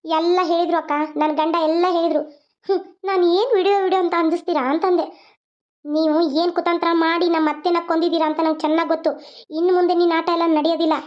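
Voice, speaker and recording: A woman's voice: extremely high pitch, little pitch movement, fast, a little mellow. Woman voicing a fiery young cartoon heroine. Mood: accusing. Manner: scolding, accusing, firm. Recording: dull lo-fi.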